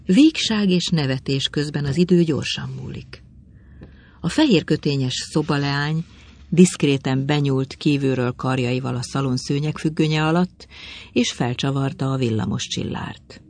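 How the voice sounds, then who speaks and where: A narrator reading a story aloud in a measured, expressive way. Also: medium pitch.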